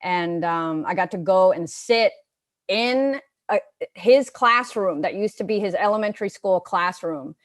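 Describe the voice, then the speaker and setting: A woman's voice: medium pitch, a little slow. Chatty american woman in her middle years, rambles and restarts a lot, middling voice. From United States. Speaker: guest on a comedy variety show. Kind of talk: casual chat.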